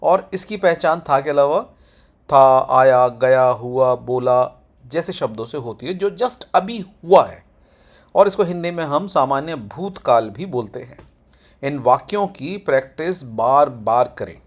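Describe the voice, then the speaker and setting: A man teaching grammar in Hindi, drawing out example sentences slowly for pronunciation. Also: medium pitch, animated. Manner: slow, drawn-out model sentences for pronunciation. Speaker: English teacher. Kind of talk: Hindi-medium grammar lesson.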